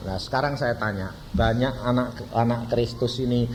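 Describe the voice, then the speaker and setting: A man's voice: medium pitch, normal speed, slight background noise, rough recording. A male evangelist preaching to a congregation, bluntly firing rhetorical questions at the listeners. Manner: blunt, peppers talk with rhetorical questions to the audience. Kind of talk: sermon to a congregation.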